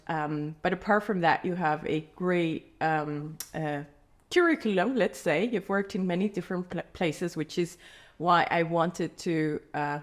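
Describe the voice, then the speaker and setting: A woman hosting a podcast interview in person, framing her questions thoughtfully with many hesitations. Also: lowish voice. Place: indoor room, in person with guest.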